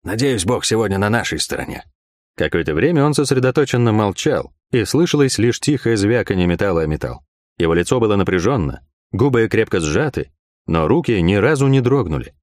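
A man narrating a first-person fantasy audiobook in a wry, expressive way. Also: lowish voice, brisk, no echo, clean studio sound.

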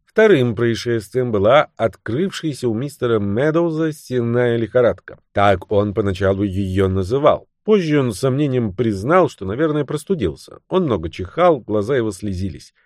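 A man reading a novel aloud as an audiobook narrator, expressive and voicing the characters' lines. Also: mid-range voice, moderate pace, hardly any pauses, dry recording, clean studio sound. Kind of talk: scripted narration.

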